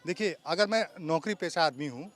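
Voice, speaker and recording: A man's voice: fairly high pitch, lively intonation, normal speed. A working man giving his opinion in a street interview, explaining his points step by step with examples. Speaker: interviewee, salaried employee. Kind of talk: conversational opinion.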